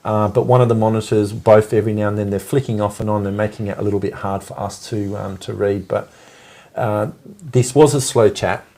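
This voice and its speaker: A man hosting a casual live stream chat, talking in a halting way full of ums and restarts. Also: lowish voice, fairly even intonation, mellow.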